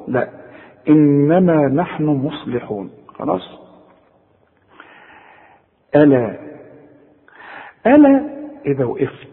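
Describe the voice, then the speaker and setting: An Egyptian man teaches the rules of Quran recitation, slowly drawing out the example words. His voice sits a bit high and moves a lot. It reaches us tinny and thin, as if over a phone, with a long echo from a hall. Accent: Egyptian Arabic. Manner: addresses the student directly, drawn-out recited examples. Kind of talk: tajweed lesson.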